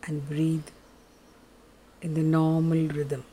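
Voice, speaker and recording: Slow, soft-spoken woman guiding meditation. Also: deep voice, little pitch movement, slightly rough. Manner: slow, soft, soothing delivery with long pauses. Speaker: meditation guide. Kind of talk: guided meditation, soft and calm.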